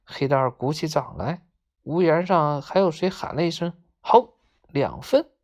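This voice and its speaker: A woman narrating a children's story in a gentle, measured way. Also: low voice.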